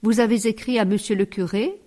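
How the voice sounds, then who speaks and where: A woman's voice: medium pitch, steady tone, fairly quick, mellow, natural voice. A woman reading the part of a proud young lady of a grand house, speaking curtly and with dignity. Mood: stern. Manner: curt, dignified.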